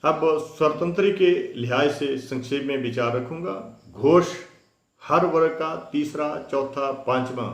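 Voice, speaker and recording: A man teaching a Hindi grammar lesson, explaining slowly with many fillers and spelling sounds out one by one. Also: fairly high pitch. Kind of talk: spoken lesson. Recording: roomy echo.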